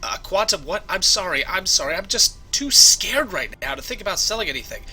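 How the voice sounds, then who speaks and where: A frightened young shopkeeper woman, as a man puts her on, her voice pitched high and bright. She stammers shakily, lively and breathless in her fear. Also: brisk, husky, exaggerated voice. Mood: scared.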